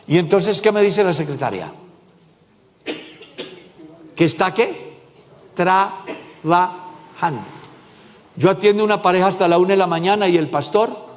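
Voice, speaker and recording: A male pastor preaching a sermon, animated, joking and calling out questions to his congregation. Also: high voice, big-room sound. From Colombia. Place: church hall.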